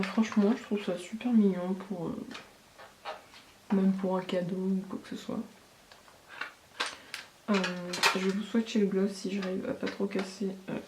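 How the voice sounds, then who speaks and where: A woman giving a casual beauty haul review, chatty and full of hesitations. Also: mid-range voice. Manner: chatty, many fillers and hesitations. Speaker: beauty vlogger. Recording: echoey room with background noise.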